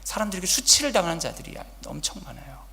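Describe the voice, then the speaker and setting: A male pastor preaching a sermon at a church service, swinging between loud urgent lines and hushed whispers and asking the congregation direct questions. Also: a little high, sing-song, fast, creaky, a little hiss or hum. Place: church sanctuary, Friday service. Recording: long church hall reverb.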